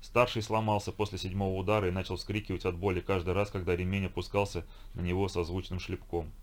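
A man narrating an audiobook in a steady, measured way. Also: deep voice. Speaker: audiobook reader.

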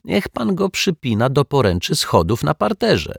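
A plain-spoken old caretaker in a children's story, put on by a male reader. The voice sits higher than his own and stays husky and dry, as if close to the mic. He talks in a blunt, matter-of-fact way. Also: huge pitch swings, moderate pace, no room sound, exaggerated voice. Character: elderly male building caretaker, blunt and practical.

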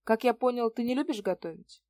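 A woman's voice: fairly high pitch, brisk, mellow, no echo, voice pushed up, natural voice. A woman voicing a spoiled, cynical man around forty who needles and mocks. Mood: mocking. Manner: sarcastic, needling questions.

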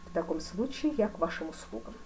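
A woman voicing a composed, polite fencing master in an audiobook, speaking quietly and with deference. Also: on the low side, animated, fast, lightly acted, rough recording. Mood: calm. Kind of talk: audiobook character reading.

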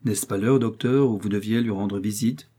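A man reading as a loyal army captain in a storybook, blunt and forthright, speaking his mind briskly. His tone stays mellow and a little husky. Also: on the low side.

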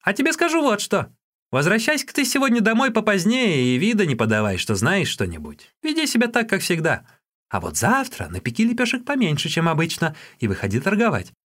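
A man voicing a cheeky young male street peddler who chatters in a high, excited voice. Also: fairly quick, heavily acted.

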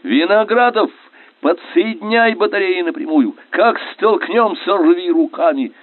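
Man reading as a wounded naval lieutenant, shouting commands, desperate, tinny narrow-band sound, dry. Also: mid-range voice, steady tone, fairly quick, dry recording, lightly acted.

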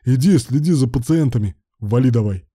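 A man's voice: lowish voice, fairly even intonation, normal speed, warm tone, no echo, studio quality, close to an everyday voice. A man voicing a harsh, vengeful male clinic boss who barks curt orders, in an audiobook reading. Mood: harsh, dismissive. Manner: barking, curt.

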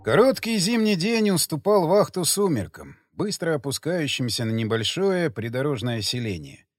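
Expressive male audiobook narrator. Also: fairly high pitch, normal speed, dry recording, soft background music.

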